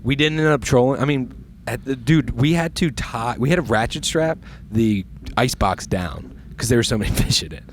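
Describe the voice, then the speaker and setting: A man's voice: mid-range voice, moderate pace, slight background noise. Profane young man telling a fishing story. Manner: excited, profane storytelling with shouted quotes. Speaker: podcast co-host. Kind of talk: casual storytelling chat.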